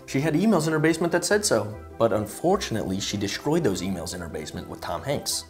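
A woman playing a deadpan, earnest conspiracy-theorist saleswoman in a comedy sketch, with a low voice. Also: fast, soft background music.

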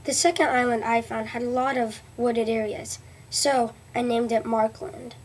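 Presenting a school report in character as Leif Erikson, a teenage girl reads earnestly with frequent halts and restarts. Her natural voice is on the high side with fairly even intonation, captured close up by a webcam in a small room with slight background noise.

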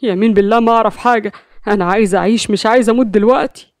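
A woman's voice: fairly high pitch, racing, dry recording, clean studio sound, natural voice. A woman voicing a worried young male doctor, speaking with an Egyptian accent. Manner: worried, nervous.

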